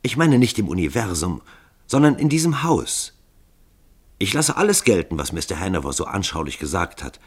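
A man's voice: sits low, big pitch swings, moderate pace, slightly rough, heavily acted. A man voicing a young woman who speaks earnestly and defiantly. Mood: challenging.

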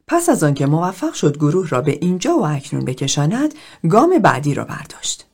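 A woman narrating a novel for an audiobook. Her voice is low and husky, and her reading is expressive and measured, with a lively rise and fall.

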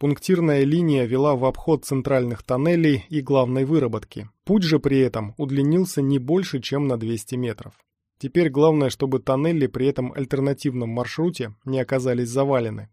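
Sex: male. Role: audiobook narrator. Style: scripted first-person narration. Timbre: dark, mellow. Sound: dry studio. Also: medium pitch, normal speed, no echo. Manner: steady first-person storytelling.

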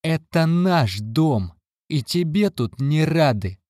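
A man reading an audiobook, voicing a hostile, defiant teenage boy who shouts. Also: on the high side, animated, takes it slowly, dry recording, clean studio sound, pitched above the performer's own voice. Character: angry resentful teenage boy. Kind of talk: audiobook character voice.

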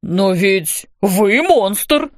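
A woman reading a storybook aloud voices a frightened man who wails and pleads slowly and loudly. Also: medium pitch, expressive, no echo, studio quality, pitched below the performer's own voice. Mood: panicked. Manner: panicked wailing, pleading, drawn out. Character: frightened adult man roofer, panicky.

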